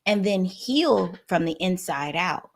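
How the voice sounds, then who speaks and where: A woman's voice: on the low side, expressive, slow. A woman in her thirties, a guest on a talk show, speaking earnestly and with animation, addressing the audience directly. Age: 30s. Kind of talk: casual talk on wellness.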